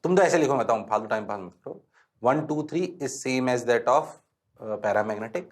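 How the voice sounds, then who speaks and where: A man teaching physics in a lecture, mixing Hindi and English, often asking his class whether things are clear and telling them to write quickly. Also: mid-range voice, expressive. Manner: asks students frequent check questions, urges them to write fast.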